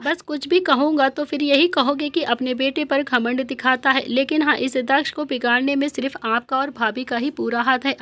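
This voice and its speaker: A woman narrates a long serialized family story, reading each character's lines in the same storytelling voice. Her voice sits high, and the recording is dry with no room sound. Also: no room sound.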